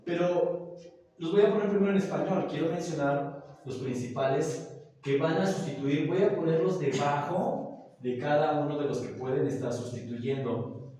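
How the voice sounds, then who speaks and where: Man, teacher, patient step-by-step explaining, mellow tone, distant mic, very roomy classroom echo. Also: a little high, a little hiss or hum. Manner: patient, explains slowly with many examples and checks. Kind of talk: classroom grammar lecture. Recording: echoey classroom, from far off.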